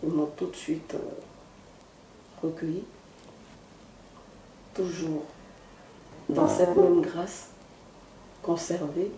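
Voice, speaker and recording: A woman's voice: low voice, steady tone, dark tone, reverberant, slight background noise. A singer, giving a solemn, devotional testimony in an interview at her home. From Côte d'Ivoire. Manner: slow, solemn, devotional phrasing. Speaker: gospel singer, interview guest.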